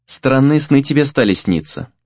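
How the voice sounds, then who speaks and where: A man's voice: mid-range voice, lively intonation, normal speed, a little mellow, no echo, highs cut off, lightly acted. A man voicing Suginaru, a curt vengeful spell-caster. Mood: harsh. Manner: curt, harsh and dry. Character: grim, vengeful young male spell-caster.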